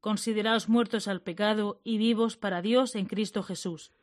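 A woman giving a measured, solemn liturgical reading. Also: mid-range voice, fairly even intonation, dry recording, clean studio sound.

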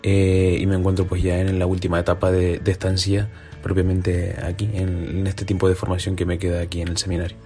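A man's voice: deep voice, monotone, brisk, dark tone, faint music behind. A man in his twenties with a Canary Islands Spanish accent, a seminarian giving a hesitant personal testimony. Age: 20s. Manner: hesitant, many fillers.

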